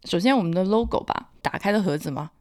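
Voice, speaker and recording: A woman's voice: mid-range voice, animated, fast, a little mellow, dry recording, studio quality. A woman from Hunan with a Hunan accent that blurs L and N, co-hosting a casual podcast chat. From Hunan, China. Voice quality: mixes up L and N sounds. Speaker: podcast co-host.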